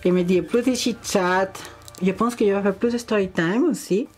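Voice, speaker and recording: A woman's voice: mid-range voice, moderate pace, a little mellow. A young woman with a non-native French accent, chatting through a makeup tutorial and speaking fondly to her viewers with gushing exclamations. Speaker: beauty vlogger.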